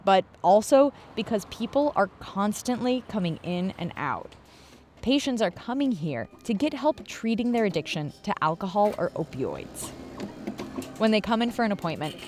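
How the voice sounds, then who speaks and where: A woman's voice: mid-range voice, a little hiss or hum. A woman hosting a podcast, narrating a scripted story in a conversational, explanatory way. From Pacific Northwest, US. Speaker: podcast host.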